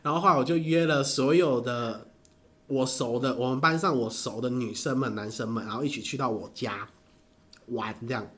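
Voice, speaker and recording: A man, telling stories in casual chat, animated and laughing often. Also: mid-range voice, moderate pace.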